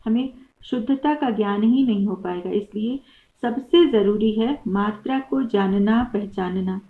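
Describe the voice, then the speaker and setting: A woman teacher giving a patient grammar lesson, explaining slowly with many examples. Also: mid-range voice. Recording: tinny phone-like recording.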